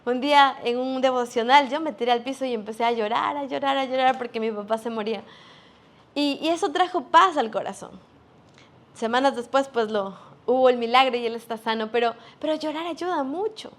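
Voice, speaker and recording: Woman preacher, high pitch, earnest and emphatic sermon delivery. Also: brisk.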